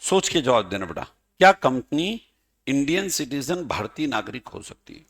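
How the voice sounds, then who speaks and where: A man's voice: medium pitch, sing-song, normal speed, vocal fry, a bit bright. A male teacher, lecturing a class in a playful manner and calling on students by name. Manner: playful, addresses students by name, chanting mock examples.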